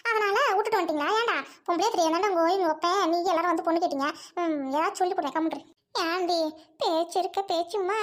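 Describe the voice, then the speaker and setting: A woman voicing a foul-mouthed, scolding old mother-in-law in a family drama. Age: older. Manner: shrill, scolding, cackling insults. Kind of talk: family radio-play acting.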